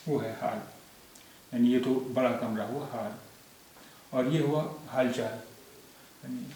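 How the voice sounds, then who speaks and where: A man's voice: mid-range voice, darkish tone. Patient male teacher in an echoey room. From India. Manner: patient, explains slowly with repeated examples. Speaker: Urdu teacher. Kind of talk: spoken language lesson. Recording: echoey room, distant mic, faint hiss.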